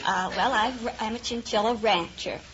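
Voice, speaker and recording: A chinchilla rancher from Kansas, USA, chats good-humouredly as a contestant on a radio quiz, explaining things a little hesitantly in what sounds like unscripted conversation. Her mid-range voice moves at normal speed, and the old radio recording is dull and noisy, with a studio audience.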